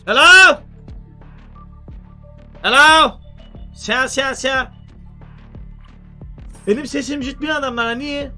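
A man streaming a shooter game, chatting excitably and cursing, sometimes yelling into voice chat. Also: very high voice, normal speed, pauses often, soft background music. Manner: excitable, swears a lot, yells greetings into voice chat. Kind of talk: casual gaming commentary.

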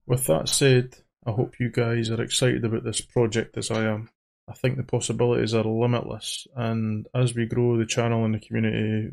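A man from Scotland with a toned-down Edinburgh accent hosts a trading channel as a faceless voice-over, his lowish voice gravelly. He speaks haltingly, repeats his words and says he sounds monotone. He's recorded on a studio microphone.

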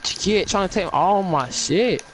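Young male gamer, high and animated, trash-talking his opponents. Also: a little slow, a little hiss or hum. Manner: taunting, repetitive, swearing. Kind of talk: trash-talking gameplay chat.

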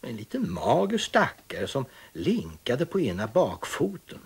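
Raspy male storyteller, very animated delivery, children's tale. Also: medium pitch. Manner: expressive, dramatic storytelling.

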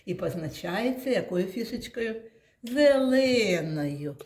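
A woman teacher speaks slowly and patiently to small children, stretching out sounds and syllables as she guides them. Her voice sits a little low, and the room around her rings with echo. It is a calm classroom lesson. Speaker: kindergarten teacher. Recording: echoey room.

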